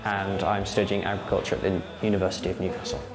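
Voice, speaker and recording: A man's voice: deep voice, little pitch movement, fast talker, roomy sound, loud music behind the voice. A young male agriculture student from Lincolnshire, speaking steadily in an interview. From Lincolnshire, England. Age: young adult. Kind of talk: casual interview.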